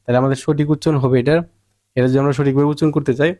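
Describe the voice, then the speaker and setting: A man with a Bengali accent teaching English pronunciation, drawing out and repeating each word slowly. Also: fairly high pitch, steady tone, dark tone. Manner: slow, drawn-out repetition of words to model pronunciation. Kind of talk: spoken pronunciation lesson.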